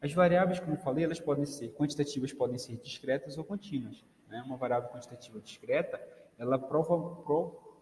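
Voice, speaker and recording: A man's voice: mid-range voice, a little fast, darkish tone, slight background noise. Man lecturing in a reverberant room. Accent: Brazilian Portuguese. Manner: explanatory, many fillers like "né" and "ok". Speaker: teacher. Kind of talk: recorded lecture. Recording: roomy reverb, faint ambience.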